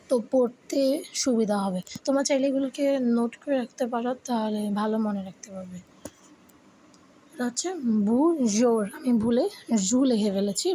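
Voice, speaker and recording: A young woman from Bangladesh teaching a beginner French lesson, slowly spelling out each word's pronunciation and guiding learners step by step. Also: high-pitched, a little mellow, slight background noise, low-quality recording. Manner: slow, careful pronunciation of each word; addresses learners informally, step by step.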